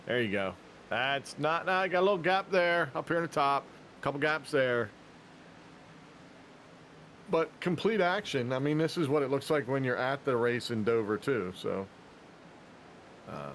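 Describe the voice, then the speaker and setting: A male race commentator with a medium-pitched voice talks through the action in a loose, joking way. He breaks into sudden bursts of excitement when a pass is on. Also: slight background noise. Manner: chatty and jokey, with quick bursts of excitement. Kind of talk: casual play-by-play commentary.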